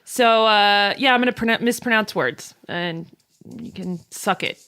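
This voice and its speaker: A woman co-hosting a podcast, exasperated in casual comedic banter and quick to laugh. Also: medium pitch, noisy background. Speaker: podcast co-host.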